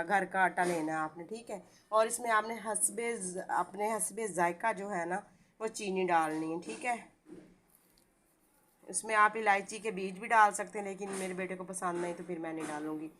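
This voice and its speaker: A woman's voice: mid-range voice, a bit bright, a little hiss or hum. A middle-aged woman with a Pakistani Urdu accent, chatting through a home cooking tutorial with homely, rambling asides. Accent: Pakistani Urdu, village Saraiki-like dialect. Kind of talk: casual cooking tutorial chat.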